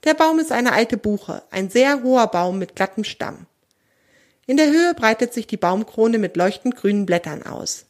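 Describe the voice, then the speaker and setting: A woman hosting a children's podcast, narrating a forest story clearly and gently, with casual asides to the listener. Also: on the high side, animated, normal speed.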